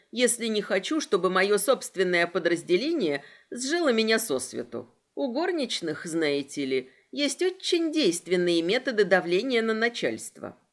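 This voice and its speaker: Woman narrating a novel expressively. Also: fairly high pitch. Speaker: audiobook narrator. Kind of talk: first-person novel narration.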